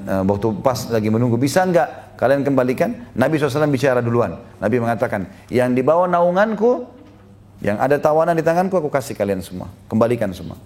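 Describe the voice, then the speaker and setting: A male preacher giving a storytelling sermon, acting out the people in his story and chuckling now and then. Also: medium pitch. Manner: lively storyteller who voices quoted speakers, chuckles.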